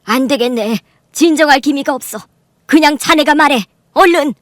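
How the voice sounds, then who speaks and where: A woman's voice: sits high, moderate pace, no echo, clean studio sound, natural voice. A woman playing a stern mother who scolds and commands her grown children in a radio drama. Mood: scolding.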